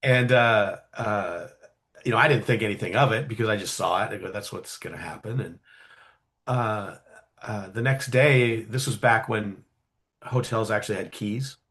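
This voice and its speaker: A man telling a story casually in an interview, animated, with many fillers and quick acted-out quotes. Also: fairly low pitch. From California, USA. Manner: animated, acts out quoted voices, frequent fillers. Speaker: guest storyteller.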